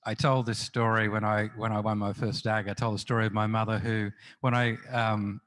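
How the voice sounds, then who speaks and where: A man's voice: lowish voice, level tone, brisk, fairly bright tone. A middle-aged man, a crime novelist being interviewed, telling anecdotes in a chatty, self-deprecating way full of restarts and fillers. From Australia. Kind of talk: festival interview, anecdotal storytelling.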